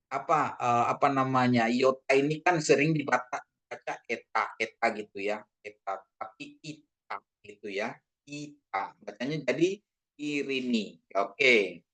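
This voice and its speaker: A man from Indonesia teaching a casual Greek language lesson, slowly drawing out words for learners and addressing them politely, with many fillers. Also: medium pitch. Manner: drawn-out repetition of words, frequent fillers; addresses listeners as ladies and gentlemen.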